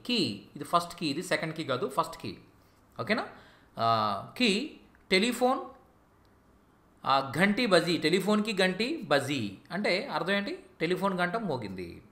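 A male teacher with a Telugu accent walks through Hindi grammar with a bright, animated voice. He says the examples slowly and repeats them, then speeds up to explain. The room around him has a noticeable echo. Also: fairly high pitch. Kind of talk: classroom language lesson.

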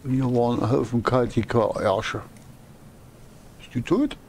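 A man's voice: medium pitch, takes it slowly, a little mellow, a little hiss or hum. A man doing casual live commentary as a game streamer, thinking aloud and muttering to himself.

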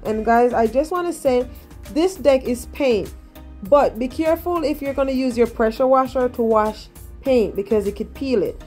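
A woman's voice: sits high, normal speed, a little mellow, soft background music. A middle-aged woman in a casual, rambling voice-over for her home DIY vlog, talking to viewers as guys.

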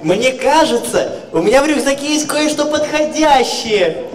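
Man as a very high-pitched eager explorer boy. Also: lively intonation, normal speed. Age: young adult. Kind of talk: children's cartoon parody stage skit. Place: large theatre stage, filmed from audience. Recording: echoey hall from far off, loud music, crowd.

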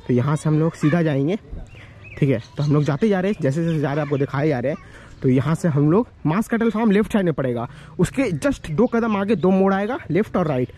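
This young male vlogger, bright-voiced and a little high, talks a bit fast with lively intonation as he leads viewers through village lanes and into a cattle shed. He gives directions and a farm tour, repeating himself in an instructive way. The camera is handheld at arm's length, and the outdoor audio is noisy with ambient sound.

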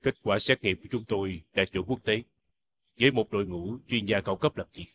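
An actor playing a doctor who reports test results in a formal, measured way. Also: male voice, fairly low pitch, a bit bright, slight background noise, natural voice.

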